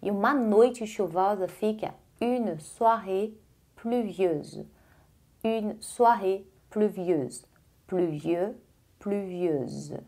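A woman leads an online French lesson, speaking slowly and repeating each word so the viewer can copy it. Her voice is dark and mellow. She talks to the viewer directly and casually. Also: mid-range voice. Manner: slow careful pronunciation drills, repeating words. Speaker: French teacher.

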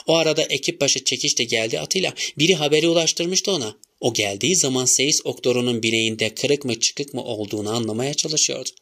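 A man narrating a novel as an audiobook in a measured storytelling manner. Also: mid-range voice, bright, forceful tone, slightly rough.

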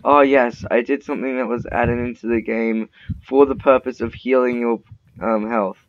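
A man's voice: mid-range voice, fairly even intonation, moderate pace. A man chatting casually while playing a game, swearing and teasing his opponent. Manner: swearing, trash-talking, teasing. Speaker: gamer recording a Minecraft video. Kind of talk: casual gaming chat. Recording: dull muffled mic with faint noise.

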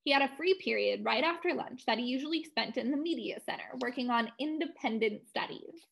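A woman narrating a children's mystery story aloud with expressive, clear narration. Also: high voice, brisk, rough recording.

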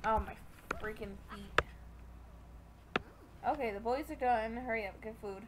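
Against heavy background noise, a young woman who makes gaming videos commentates casually, a little slowly, in a voice on the high side. She's pregnant and feeling hot, chatting away to the characters on screen as she plays.

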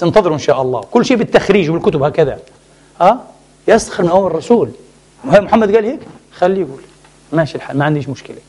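Animated, sarcastic high-voiced male preacher. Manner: animated, sarcastic, mixes classical and colloquial Arabic. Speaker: preacher and lecturer. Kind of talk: religious lecture.

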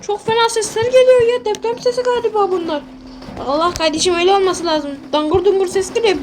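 A woman role-playing panicky, excitable commentary over a sandbox game. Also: very high-pitched, fast, background noise. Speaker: gaming video creator.

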